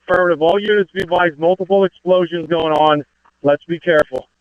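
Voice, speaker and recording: A man's voice: on the high side, steady tone, fairly quick, no room sound, highs cut off. A man speaking urgent firefighter radio traffic as incident commander, terse and directive, over a two-way radio. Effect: two-way radio transmission.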